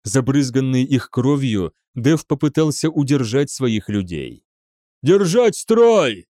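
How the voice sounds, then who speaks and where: A man's voice: mid-range voice, animated, unhurried, warm tone, dry recording, clean studio sound. A man narrating an audiobook in a dramatic storytelling manner. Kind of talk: scripted narration.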